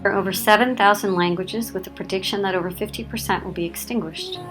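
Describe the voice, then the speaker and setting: Woman, documentary narrator, earnest, reflective, mid pitch, clear music behind. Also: fairly even intonation, quick pace, rough recording.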